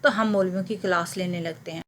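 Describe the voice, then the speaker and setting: A woman voicing a stern male cleric of about sixty in a spoken story, talking slowly and heavily. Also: lowish voice, steady tone, fairly bright tone, natural voice.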